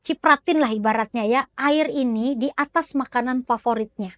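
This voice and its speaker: A woman's voice: fairly high pitch, normal speed, fairly bright tone, dry recording, close to an everyday voice. A woman voicing a sly healer who gives matter-of-fact instructions. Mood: sly instructing.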